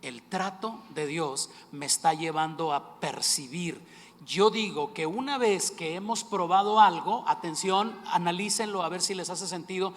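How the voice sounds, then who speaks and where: Pastor guy preaching, voice a bit on the high side, asks the crowd stuff, big echoey church hall. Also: measured pace. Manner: engaging, asks the congregation questions. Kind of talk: sermon. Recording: long hall reverb.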